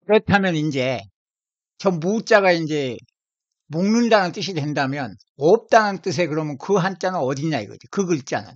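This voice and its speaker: Speaking at a normal pace, this Seoul man lectures casually on video about where languages come from, hammering points by repeating and drawing out individual words. His fairly high voice is expressive, though the lo-fi recording sounds dull.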